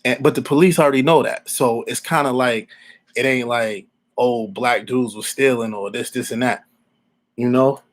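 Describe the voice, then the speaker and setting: Man, forties, from Alabama, casual podcast talk, rambling, repetitive, slangy, mid-pitched voice. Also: steady tone, normal speed, rough recording. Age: 40s. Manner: rambling, repeats himself, informal street slang. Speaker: podcast host.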